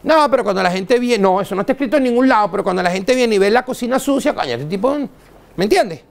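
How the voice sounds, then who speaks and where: A man's voice: sits high, quick pace, creaky. A man with a Venezuelan accent giving a live dental lecture, blunt and slangy, quizzing the audience. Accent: Venezuelan Spanish. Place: university lecture hall.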